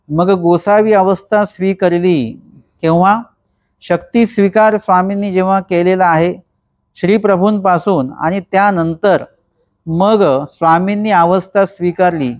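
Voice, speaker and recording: High-voiced Marathi man expounding scripture. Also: no echo. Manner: reads old verses slowly, then explains them with rhetorical questions. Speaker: religious discourse speaker. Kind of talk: devotional scripture exposition.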